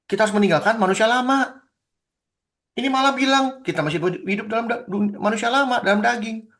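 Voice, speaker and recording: A man's voice: sits high, a little fast, fairly bright tone. A man, a pastor leading a teaching discussion over a video call, talking in an emphatic, indignant way and acting out quoted exchanges.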